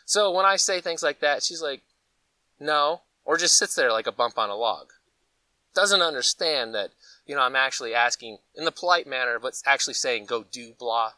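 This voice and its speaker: Casual, rambling vlog talk comes from an American man in Colorado who hosts a preparedness gear channel, telling animated, folksy stories with acted-out asides. He speaks in a mid-range voice at a moderate pace, recorded on a distant mic with no room sound.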